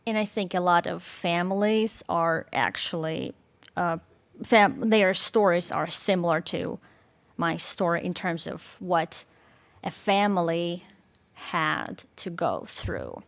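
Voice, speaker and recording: A woman's voice: on the low side, animated, slow, gravelly. A woman from Ukraine with a Ukrainian accent, giving an informal talk to an audience, hesitant and searching for words. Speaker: guest speaker. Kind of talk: informal presentation with audience quiz.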